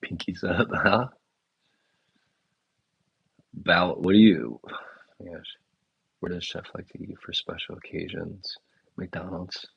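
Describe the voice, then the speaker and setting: Gravelly low-voiced man chatting casually. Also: takes it slowly, long pauses, dry recording, dull audio. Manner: laid-back, reads viewer comments aloud and riffs on them. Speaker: chef and restaurant owner hosting a live chat. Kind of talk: casual live-stream chat. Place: indoors, talking to a live chat.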